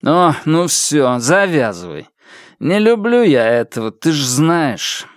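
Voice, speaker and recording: A man's voice: fairly high pitch, big pitch swings, takes it slowly, no room sound, clean studio sound, voice pushed up. A man voicing a lazy, mocking young man in an audiobook, drawling and sneering without hurry. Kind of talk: audiobook character voice.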